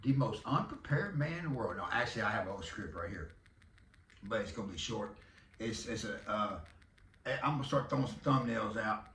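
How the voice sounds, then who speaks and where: A man's voice: lowish voice, lively intonation, fairly quick, fairly bright tone, distant mic, slight background noise. A Texan man in his fifties hosting a podcast, rambling and joking in casual talk, breaking into hollers now and then. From Texas. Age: 50s. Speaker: podcast host. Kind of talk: casual monologue. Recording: echoey room, off-mic.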